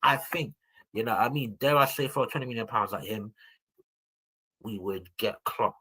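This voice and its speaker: This young man, a football podcast regular, riffs on his opinions with animated, slangy banter and refers to listeners as "people" in a casual fan chat. He has a husky, lowish voice at a moderate pace, captured in poor audio.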